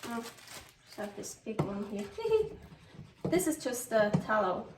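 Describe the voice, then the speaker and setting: A cooking vlog host from Switzerland speaks in a slightly high, sing-song voice at a measured pace, with a Californian English accent tinged by Swiss. Cooking in her home kitchen, she rambles casually and self-deprecatingly, exclaiming whenever something goes wrong. The mic is distant, giving a roomy sound with faint noise.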